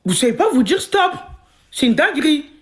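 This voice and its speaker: A woman's voice: high voice, big pitch swings, moderate pace. A woman livestreamer in a heated, repetitive, confrontational rant, full of slang, talking straight at her viewers. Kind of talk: angry live-stream rant.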